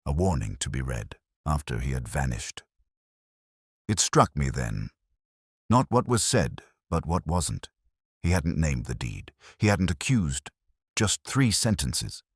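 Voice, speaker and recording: Speaking in an extremely deep voice, a man narrates a first-person detective mystery. He is measured and brooding, yet his pitch rises and falls lively through every literary phrase. The recording is close and dry with no echo, and his voice has a husky grain.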